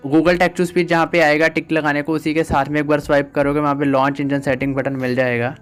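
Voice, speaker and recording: A man giving a patient, step-by-step tutorial on phone settings, pausing with "ah" as he explains each option. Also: a little high, little pitch movement, clear, resonant tone, soft background music. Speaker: tech tutor.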